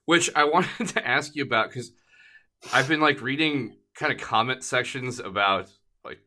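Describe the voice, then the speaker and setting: Bright-toned, laughing male podcast host. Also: medium pitch, normal speed, slight background noise. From US, Wisconsin and Colorado. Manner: laughs often, loose and joking. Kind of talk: casual conversation.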